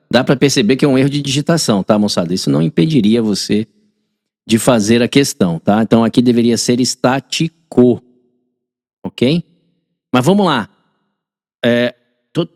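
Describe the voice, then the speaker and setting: A man's voice: medium pitch, darkish tone, dry recording, clean studio sound, long reverb tail. A man with a Brazilian Portuguese accent, correcting a mock exam in an online class and checking in with his students constantly. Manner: chatty, asks the class constant check-in questions. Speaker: teacher.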